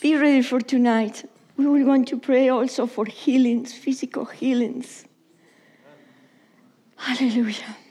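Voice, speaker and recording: This Argentine-accented woman, a pastor whose native tongue is Italian, delivers a sermon during a church service. Her English is halting and repetitive, at times dropping to a whisper, and her voice sits high with fairly even intonation and a dark tone.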